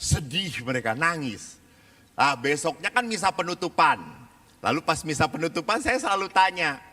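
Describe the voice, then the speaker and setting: Animated, bright-voiced male priest in a hall. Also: a little high, normal speed. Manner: animated storyteller, acts out quoted voices. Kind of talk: lively seminar talk. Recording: reverberant hall.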